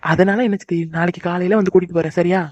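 A woman voicing a caring young married woman in a cartoon, a soft-hearted elder sister who cries easily. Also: lowish voice, fairly even intonation, very fast, dry recording, natural voice. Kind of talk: cartoon voice acting. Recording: dry, dull lo-fi recording.

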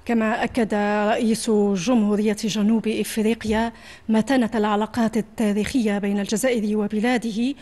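A woman reads the television news in a formal, composed newsreader manner. Her voice sits a little high, steady from sentence to sentence. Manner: formal, even newsreader delivery. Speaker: news anchor. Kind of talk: news reading.

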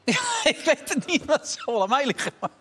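Teasing male talk show host, high and animated, loud noise in the background. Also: fairly quick. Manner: teasing and laughing. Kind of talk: casual studio chat. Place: TV studio.

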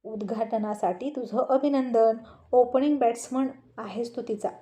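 A crude, bantering male friend, as a woman storyteller reads him teases over the phone. The voice stays close to the narrator's own: fairly high, with a soft, mellow tone. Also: a little slow, lightly acted. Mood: teasing. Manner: teasing, bantering.

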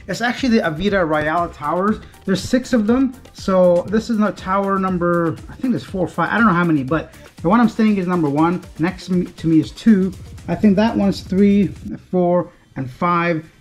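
Chatty man vlogging to the camera. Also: sits high. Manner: chatty, easygoing, talks straight to the camera. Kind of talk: casual travel vlog. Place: apartment indoors and city streets.

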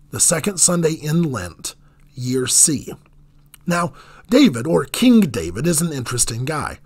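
A man preaching a sermon in an earnest, measured way, letting his voice drop on key phrases. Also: on the high side, husky.

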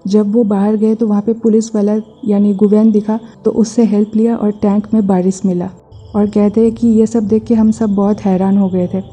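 A woman summarizes a drama episode in a low, mellow, breathy voice that hardly rises or falls. The voice-over sounds dull and lo-fi, and it moves briskly from one plot point to the next. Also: little pitch movement, soft background music. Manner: brisk plot summary, quotes lines in a plain voice. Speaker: drama recap narrator. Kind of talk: episode recap narration.

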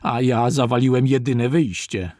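A man reading aloud and voicing a brave, steady male naturalist explorer in an audiobook. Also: mid-range voice, moderate pace, gravelly, no room sound, studio quality. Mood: despairing.

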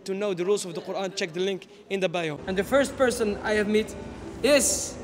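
In a shopping mall, a man in his thirties hosts an on-camera street interview, working religious phrases into his speech. His high-pitched voice runs a little fast, picked up by a small handheld wireless mic amid a noisy background.

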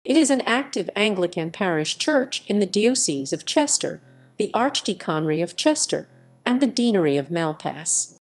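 A woman reading an encyclopedia article aloud in an even narration, reading symbols and captions out literally. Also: mid-range voice, normal speed. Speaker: article reader.

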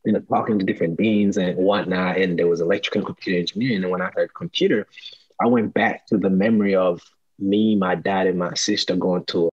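A young man from Rwanda hosts a relaxed video-call interview. His voice is very deep and a little husky, and the call audio sounds slightly dull. He talks upbeat and casually, with frequent laughs. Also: quick pace. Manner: upbeat, laughs often, many "you know"s. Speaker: podcast host. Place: small room at home.

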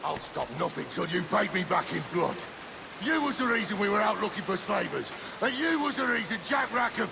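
Game villain casting: marooned pirate hothead, gravelly and very high, cursing and threatening, hissy noisy audio. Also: male voice, sing-song, a little fast, full character voice. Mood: enraged, bitter. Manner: hotheaded, shouting threats and curses. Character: hot-headed, half-mad marooned male pirate. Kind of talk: dramatic video game acting.

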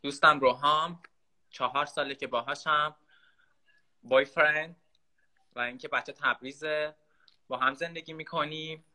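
Bright, playful young man on a call. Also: a little high, steady tone, pauses often. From Iran. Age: 20s. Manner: talkative, playful, giggly. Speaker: guest. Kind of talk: casual live-stream chat.

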